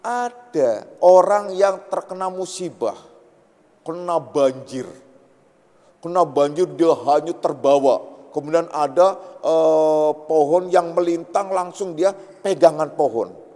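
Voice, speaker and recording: High-voiced male teacher in a reverberant hall. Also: a little slow, dark tone. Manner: colloquial storytelling, acts out characters. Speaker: religious teacher. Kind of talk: sermon.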